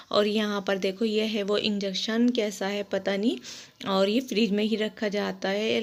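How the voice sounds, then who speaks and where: A middle-aged woman chatting through a casual voice-over of her day at home, rambling warmly from one small thing to the next. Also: mid-range voice. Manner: chatty, warm-hearted, rambling storytelling. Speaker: vlogger. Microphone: phone.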